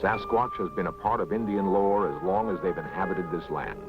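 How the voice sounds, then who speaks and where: An American man narrating a nature documentary from a script in a measured, suspenseful, dramatic way. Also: low voice. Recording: dull vintage TV soundtrack, loud music behind. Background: loud background music.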